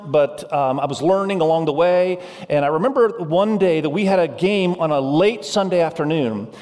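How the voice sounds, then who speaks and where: A man who grew up in Indonesia, preaching a sermon as pastor, urging the congregation with animated delivery. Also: on the high side, long reverb tail.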